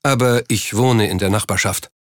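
A man's voice: fairly low pitch, steady tone, moderate pace, a bit bright, no echo, clean studio sound, close to an everyday voice. A man reading an audiobook, voicing a blunt male neighbour in a plain, matter-of-fact way.

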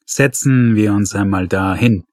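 A man voicing a hesitant rural male police officer who talks in a calm, placating way. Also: on the low side, measured pace, no room sound, clean studio sound, lightly acted.

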